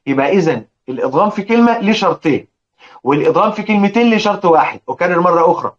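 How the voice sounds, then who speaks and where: Egyptian man teaching, repeating words slowly. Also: high voice, expressive. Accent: Egyptian Arabic. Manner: repeats words slowly, often checks listeners follow. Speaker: Quran recitation teacher. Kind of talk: explaining lesson with recited examples. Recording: dull lo-fi recording.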